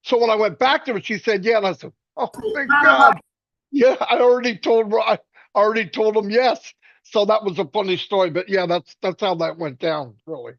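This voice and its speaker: A man on a webinar telling a story in a casual, animated way, acting out the voices he quotes and restarting often. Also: sits high, brisk, no echo, muffled recording.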